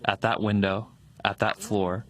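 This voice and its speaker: A man speaking through an electronically disguised voice, giving a steady, matter-of-fact recorded testimony as a soldier. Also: lowish voice, a little slow. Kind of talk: recorded testimony recounting events.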